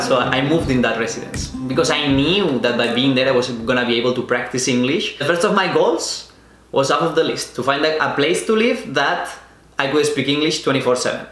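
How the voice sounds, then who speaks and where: A young man in his 20s from Spain, with a Spanish accent, tells a personal story as a vlogger. His medium-pitched voice sounds reverberant, and he speaks earnestly and unhurriedly, with small restarts along the way.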